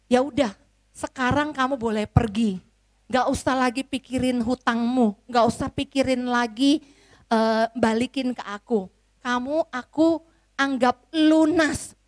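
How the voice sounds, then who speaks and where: A woman voicing a stern king who demands his debt be repaid, speaking loudly and commandingly. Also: very high voice, animated, a little fast, no room sound, pitched above the performer's own voice. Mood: merciful. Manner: loud, commanding, then softening to mercy.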